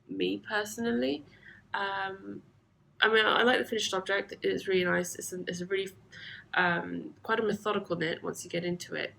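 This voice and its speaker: With a fairly low-pitched voice and vocal fry, a woman chats casually while hosting her knitting video podcast from home, using many ums and soft asides. Allergies leave her slightly sniffly, and the camera mic yields a low-quality recording with slight background noise.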